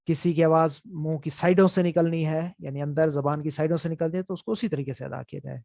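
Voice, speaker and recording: A man gives an online lesson on the rules of Quran recitation, repeating each point to make sure it sinks in. His voice is gravelly and sits a little high for a man. The sound is dry and close. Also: steady tone, dark tone, dry recording. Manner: explanatory, repeats key points with "theek hai". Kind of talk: online class lecture.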